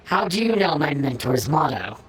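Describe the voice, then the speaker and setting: An actor playing a stern, formal cyborg tech-priest in a video game, with a raspy voice. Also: male voice, on the high side, sing-song, moderate pace, fairly bright tone, rough recording. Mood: demanding. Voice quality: raspy, gravelly. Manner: formal, commanding. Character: stern rasping cyborg tech-priest, demanding, older man.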